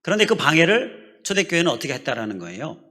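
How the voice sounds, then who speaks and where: A man's voice: a little high, sing-song, quick pace, pushed and bright. A middle-aged man preaching a sermon as pastor, explaining scripture step by step and asking the congregation questions. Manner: leads the congregation in repeating phrases.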